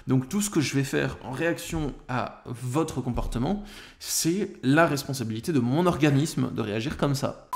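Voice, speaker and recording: A coach with a French accent gives advice straight to the camera. His medium-pitched voice is gravelly and a bit dark, and his explanations are emphatic and built around examples.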